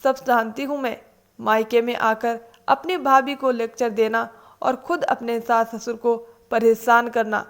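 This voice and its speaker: A woman's voice: fairly high pitch, level tone, a little slow. Woman voicing a sarcastic young daughter-in-law.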